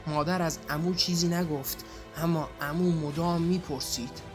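A man giving a dramatic literary reading, intense and theatrical, moving between hushed and anguished passages. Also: on the high side, steady tone, music in the background. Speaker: reader.

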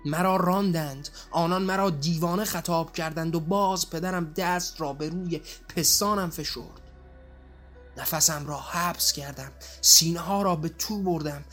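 A man giving a dramatic literary reading, intense and theatrical, moving between hushed and anguished passages. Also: a little high, soft background music. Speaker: reader.

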